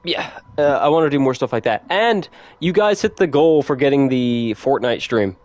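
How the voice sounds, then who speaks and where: A man chatting casually with viewers on a gaming livestream, laid-back and quick to laugh. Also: mid-range voice, dry recording. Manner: relaxed, chatty, laughs often, reads notes aloud. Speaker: streamer.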